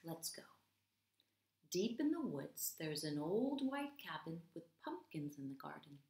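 A woman in her thirties who teaches English reads a picture book aloud to young learners, explaining things simply for the children. Her voice is low and darkish, a little slow, with big swings in pitch. The sound is roomy home video audio from a small room in a house.

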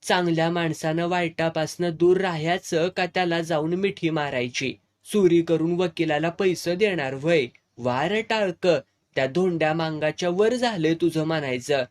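A man's voice: on the high side, moderate pace, lightly acted. A man voicing a practical, firm village man who served as a soldier, in a storybook reading. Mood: stern.

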